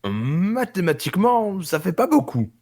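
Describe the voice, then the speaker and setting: A man's voice: sits high, sing-song, measured pace, a little mellow, a little hiss or hum. A man reading a role in a comic fan-fiction reading on stream, playful and joking.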